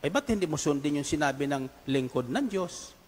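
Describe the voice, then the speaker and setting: A man's voice: a little high, animated, moderate pace, pitched below the performer's own voice. A preacher voicing a patient, deferential male servant who speaks politely and coaxingly. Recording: long reverb of a large hall.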